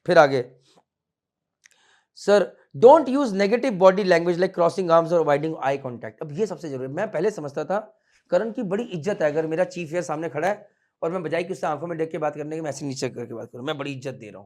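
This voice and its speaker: Blunt high-voiced man coaching students. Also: expressive, fast talker. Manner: blunt, scolding, mixes Hindi and English. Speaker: merchant navy interview coach. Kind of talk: coaching talk to camera. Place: room with students standing behind.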